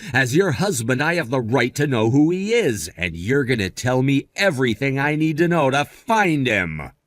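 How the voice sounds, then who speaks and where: A betrayed husband who stays firm and unyielding, his voice swinging widely in pitch as he confronts his wife, as a man acts him out. The recording is dry and close, with no room sound. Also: big pitch swings, normal speed, a bit bright, dry recording. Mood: stern.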